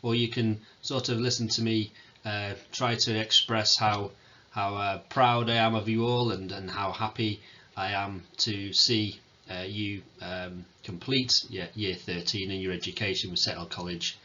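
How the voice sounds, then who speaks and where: A man, a teacher giving a recorded farewell talk to his students, hesitant with many pauses and fillers, in a self-described monotone. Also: lowish voice, dull audio, a little hiss or hum. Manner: hesitant, many ums, calls himself monotone. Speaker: sixth form teacher.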